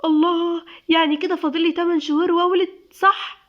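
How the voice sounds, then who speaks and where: A playful young wife, newly pregnant, coaxing and teasing in a read-aloud story, voiced by a woman narrator. She speaks with an Egyptian accent in a high voice. The audio sounds dull and lo-fi. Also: level tone, fast. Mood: excited.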